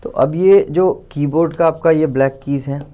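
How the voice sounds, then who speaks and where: This man with an Indian accent gives a casual music theory lesson, thinking aloud as he writes, counting out steps one at a time and correcting himself. His voice is fairly high-pitched and warm, at a moderate pace.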